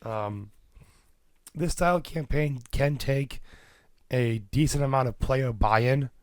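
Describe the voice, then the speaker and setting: Hoarse raspy guy explaining stuff with lots of ums, dry close sound. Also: medium pitch, slow, no room sound. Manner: explaining steadily with fillers. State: hoarse from illness. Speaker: podcast co-host. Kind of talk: casual chat about tabletop games.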